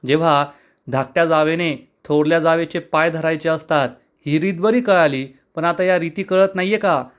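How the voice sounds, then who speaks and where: A man's voice: on the high side, a bit bright, close to an everyday voice. A man reading a stern older patriarch. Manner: firm, measured rebuke.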